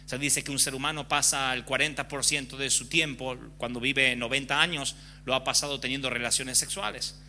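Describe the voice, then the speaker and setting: A man's voice: medium pitch, fairly even intonation, a little fast, hardly any pauses, bright, forceful tone, a little hiss or hum. A man preaching a sermon frankly and with passion, often acting out examples. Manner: impassioned, frank, acts out examples.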